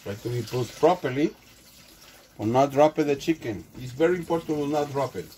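A man demonstrates cooking casually in his small home kitchen, his mid-range voice mellow and lively in intonation. He speaks halting non-native English, frequently restarting. Recorded in low quality by a camera mic across the room, the audio carries a distinct background hum.

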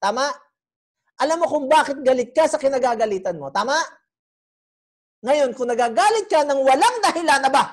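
A woman preaching a sermon. She is animated and teasing, and keeps quizzing the congregation. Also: sits high, a little fast, long pauses. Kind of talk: sermon teaching.

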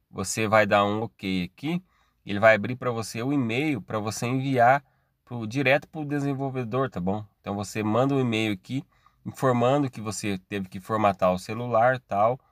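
With a lowish voice and clean studio sound free of any room sound, a Brazilian man presents a screen-recorded tech tutorial. His Brazilian Portuguese accent accompanies a casual, step-by-step walkthrough, punctuated by frequent tag-question check-ins.

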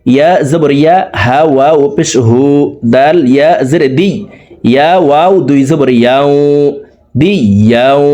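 In this slow recitation lesson, a man with a Bangladeshi Bengali accent and a slightly high, dark voice breaks words into letters and vowel signs, then chants them joined together. He moves fast through plain explanations and slows down for drawn-out chanted phrases.

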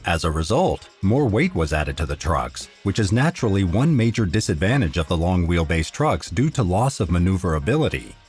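A man reading a scripted voice-over narration in a steady, informative explainer manner. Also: deep voice, brisk, hardly any pauses, breathy edge, soft background music.

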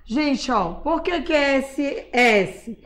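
Woman, primary teacher; high voice, slow careful syllable-by-syllable delivery. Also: animated. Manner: slow, drawn-out syllable-by-syllable spelling; patient, uses diminutives, refers to herself as auntie. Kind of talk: recorded remote class for young children.

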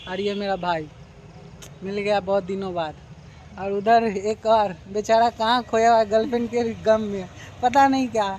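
A man's voice: high voice, steady tone, normal speed, a little mellow, highs cut off, a little hiss or hum. A young man from Bihar in his twenties, chatting enthusiastically as he gives viewers a walking tour outdoors, filming himself on a phone held at arm's length. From Bihar, India. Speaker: vlogger. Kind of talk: casual walking vlog. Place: outdoors in an open field at sunset.

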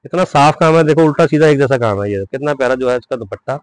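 A man giving an insistent teleshopping-style sales pitch as a wholesale seller showing his stock. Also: quick pace, no echo. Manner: insistent selling, repeating prices and urging orders. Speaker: wholesale ladies' suit seller presenting stock.

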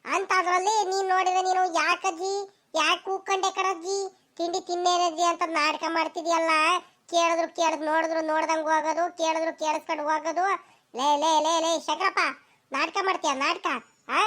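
A woman voicing a quarrelsome old village grandmother in a cartoon, who scolds in a rapid village dialect and calls people over loudly. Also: extremely high pitch, level tone. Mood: scolding.

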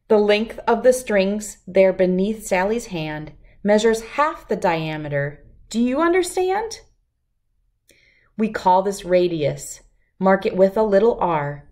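Reading to children, this middle-aged host of a read-aloud program works through a rhyming picture book in her mid-range voice. Each line comes out deliberate and expressive, with a lilting rhythm.

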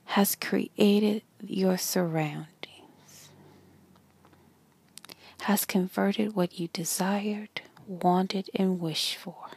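A woman guiding a meditation in a slow, soft whisper with long pauses. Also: fairly low pitch, creaky, husky. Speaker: meditation guide. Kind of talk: guided meditation.

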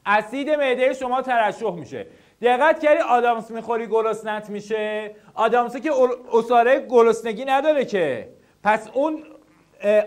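A young male teacher gives a lesson on study habits, talking straight to his students. His voice sits very high for a man, and he keeps the delivery animated. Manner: animated, addresses students directly. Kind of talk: classroom lecture to students.

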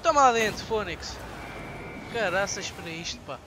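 Excitable young Portuguese gamer. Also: male voice, high voice, normal speed, background noise. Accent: European Portuguese. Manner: swearing, excitable, shouting at the game. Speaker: gaming YouTuber. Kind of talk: gameplay commentary.

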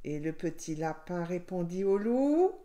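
A woman teacher reads out a funny children's story in a slow, unhurried telling. Her voice swings widely and sounds playful and expressive. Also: fairly low pitch. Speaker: schoolteacher.

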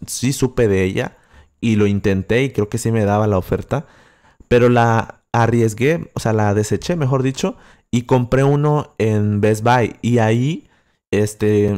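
A man's voice: medium pitch, darkish tone. A young man from Acapulco with a coastal Guerrero Mexican accent, chatting casually on a livestream with many fillers and restarts, close to the microphone. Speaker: livestream host answering chat.

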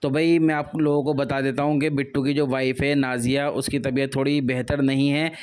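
A man's voice: mid-range voice, flat delivery, fairly quick, darkish tone, clear, resonant tone. A man, chatting and joking to camera in a casual family vlog at home. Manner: chatty, joking, addresses viewers as "guys". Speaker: family vlogger. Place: home and rooftop.

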